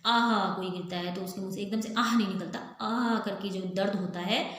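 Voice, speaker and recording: A woman's voice: medium pitch, fairly even intonation, normal speed, fairly bright tone. Brief: young woman grammar teacher, patient and repetitive, asks then answers her own questions, recorded in a very echoey room with faint hiss. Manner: draws out vowel sounds as spoken examples. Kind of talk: recorded classroom lesson.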